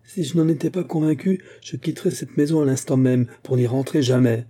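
A man voicing a proud, cold young gentleman who speaks stiffly and haughtily, pitched above his own voice. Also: a little fast, close to an everyday voice. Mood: cold, haughty.

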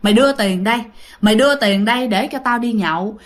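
A woman voicing a rough, abusive drunk father in a spoken ghost story. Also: on the high side, fast talker, close to an everyday voice. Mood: demanding.

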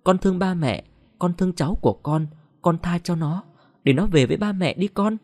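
A man's voice: high-pitched, expressive, moderate pace, darkish tone, dry recording. A man voicing an older village mother who pleads through grief. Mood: grieving. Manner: choked, pleading.

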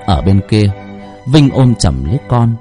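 A man narrating a dramatic Vietnamese folk ghost story with an expressive, swooping delivery. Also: lowish voice, unhurried, faint music behind.

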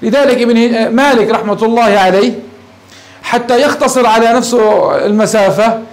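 A man's voice: very high-pitched, moderate pace. A man teaching an Arabic grammar lesson, asking his class questions and answering them himself, calling his listeners dear ones. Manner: mixes formal Arabic with colloquial asides.

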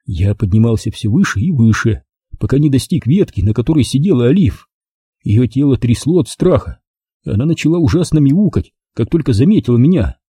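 A man reading a children's storybook aloud in the first person, expressive and lively. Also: mid-range voice, brisk, husky, dry recording, clean studio sound. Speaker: audiobook reader. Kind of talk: storybook narration.

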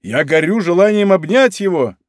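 A man voicing a bold musketeer with loud, emphatic exclamations in a storybook reading. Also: high-pitched, lively intonation, normal speed, dry recording, studio quality, pitched above the performer's own voice. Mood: hearty. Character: bold male musketeer, brisk and hearty.

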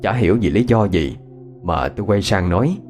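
A man's voice: deep voice, animated, moderate pace, darkish tone, soft background music. A man narrating a scripted ghost story in a dramatic, suspenseful way.

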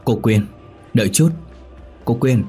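A man's voice: medium pitch, a little slow, dark tone, faint music behind, voice pushed up, lightly acted. A man voicing a polite adult man who speaks hurriedly with small hesitations, in a horror story reading.

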